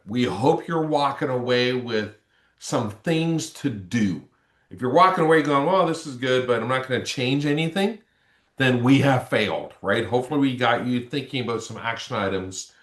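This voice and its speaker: A man's voice: medium pitch, fairly bright tone, reverberant. A man with a Canadian accent presenting in a webinar, upbeat and rallying with short exhortations to take action. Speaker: webinar co-presenter, sales executive. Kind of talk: motivational webinar wrap-up.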